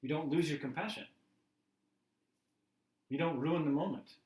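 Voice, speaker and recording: A man's voice: a little high, moderate pace, a little mellow. A man teaching a class in a chatty, laughing way, acting out everyday scenes as examples. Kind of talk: casual teaching talk. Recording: roomy class recording from a distance.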